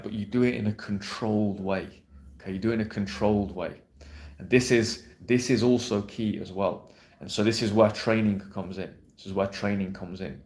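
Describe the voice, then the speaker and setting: This dating coach delivers a monologue to camera in a fairly low pitch with a darkish tone. Blunt and brash, he speaks emphatically, swears without restraint and often adds "yeah?" to check in, and his voice echoes around the room.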